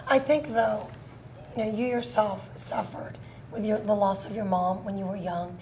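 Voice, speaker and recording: A woman's voice: mid-range voice, fairly even intonation, moderate pace. A woman co-hosting an interview show, speaking in an articulate, empathetic way as she introduces and questions guests. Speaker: talk show co-host. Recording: clear background noise and ambience.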